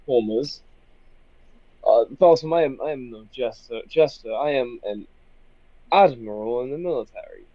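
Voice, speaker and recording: A man playing a tabletop game over group voice chat on his phone, roleplaying a stiff, formal military officer with halting restarts. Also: medium pitch, dry recording. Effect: heard through group voice chat on a phone. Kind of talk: in-character roleplay and casual chat. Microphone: phone microphone. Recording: dull lo-fi voice chat audio, dry.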